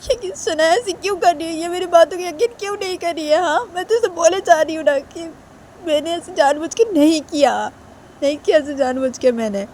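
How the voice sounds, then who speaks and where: A woman's voice: very high voice, a little fast, darkish tone, slight background noise. A woman voicing a young woman who pleads, close to tears, to be believed. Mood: pleading. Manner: begging, near tears.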